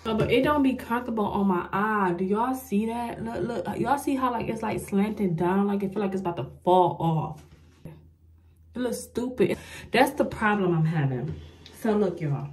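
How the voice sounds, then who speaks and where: A woman's voice: medium pitch, moderate pace, a little mellow. A young woman doing a casual get-ready-with-me beauty vlog, talking straight to her viewers and sounding frustrated and self-mocking as she struggles. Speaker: beauty vlogger.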